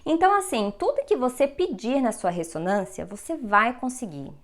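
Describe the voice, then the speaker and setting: Woman sharing her story, earnest, kinda high voice, lots of né and meu. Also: animated, moderate pace. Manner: earnest, uses fillers like "né" and "meu". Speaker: testimonial speaker. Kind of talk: personal testimonial.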